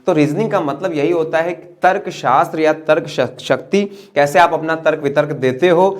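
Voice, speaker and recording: A man teaching an exam-prep English lesson in Hindi, reading English phrases aloud slowly and asking "right?" to check in. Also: fairly high pitch. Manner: asks "right?" to check understanding.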